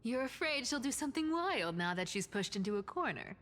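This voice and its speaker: An actress playing a sly, flippant trickster thief with a teasing, casual way of talking in a video game. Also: female voice, on the high side, very animated, fairly quick, a bit bright. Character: sly, teasing female master thief, long-lived trickster.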